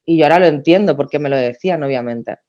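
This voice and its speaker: A woman in her thirties from Spain, a podcast guest telling her story in a lively way with many restarts. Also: low voice, rapid-fire, muffled recording. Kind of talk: casual podcast interview.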